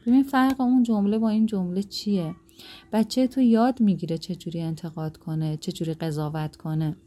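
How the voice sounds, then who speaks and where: A woman with a lowish, mellow voice talks listeners through parenting advice. Her manner is direct and coaching, and she now and then slips into short acted examples of what a spouse might say. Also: fairly even intonation, faint music behind. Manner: direct, coaching, acts out sample lines. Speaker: parenting advisor.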